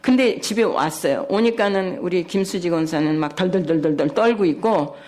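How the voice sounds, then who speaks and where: A woman's voice: fairly low pitch, a little fast, darkish tone. A middle-aged woman giving a personal testimony at a church service, telling her story with animation and acting out the voices of the people in it.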